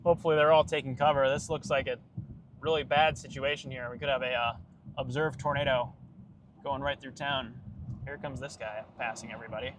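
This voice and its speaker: A male storm chaser narrates live from a moving vehicle. His medium-pitched voice is urgent and anxious, speaking as a commentator on the road. Clear car noise runs behind him. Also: steady tone, fairly quick.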